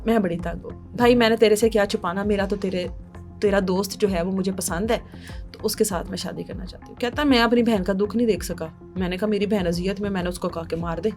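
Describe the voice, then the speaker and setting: A woman narrating a crime case on a talk show, animated and acting out the people she quotes. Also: faint music behind. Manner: animated, shifts pitch for quoted speakers.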